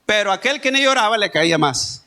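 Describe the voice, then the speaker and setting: Lively bright-voiced Salvadoran pastor preaching. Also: male voice, high-pitched, brisk. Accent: Salvadoran Spanish. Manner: conversational preaching with homely stories and asides. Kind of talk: sermon. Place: church.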